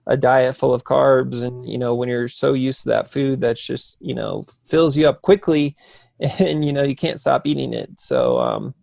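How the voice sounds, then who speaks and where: A man from New Jersey, a nutrition coach appearing as a podcast guest, chats casually and easygoingly, loose with fillers and restarts. His mid-range voice is creaky and darkish at a normal speed, and the recording is dry.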